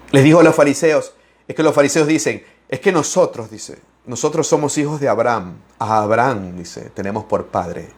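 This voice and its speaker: A middle-aged man preaching in an animated Bible-study talk. He swings his voice up and down and laughs as he speaks. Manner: expressive, raises and lowers his voice, laughs while speaking; acts out opponents' lines in mocking voices.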